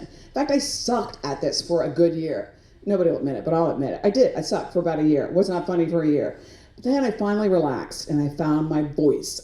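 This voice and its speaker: A woman giving an animated acceptance speech at an awards luncheon, telling stories and acting out quotes. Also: mid-range voice, reverberant, recorded from a distance. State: near tears at times. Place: large banquet hall.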